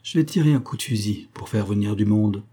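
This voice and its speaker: A man's voice: fairly low pitch, fairly quick, mellow, husky. A man voicing a skeptical male magistrate in a storybook reading, with dry, mocking remarks. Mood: wry.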